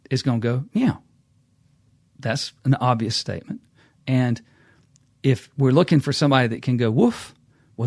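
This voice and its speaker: A man's voice: mid-range voice, husky, no room sound, studio quality. A middle-aged man, hosting a casual business talk and acting out quotes as a folksy storyteller. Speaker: podcast host.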